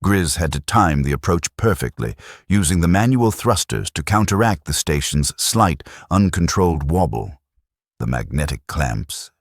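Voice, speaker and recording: This low-pitched male narrator delivers a scripted sci-fi audiobook, telling the story dramatically. The recording is studio quality and free of echo.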